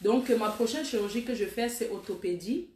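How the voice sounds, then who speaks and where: Woman, live-stream host, high voice, blunt and teasing chat, roomy echo. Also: fairly quick, darkish tone, a little hiss or hum. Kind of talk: casual live chat with viewers. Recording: echoey room.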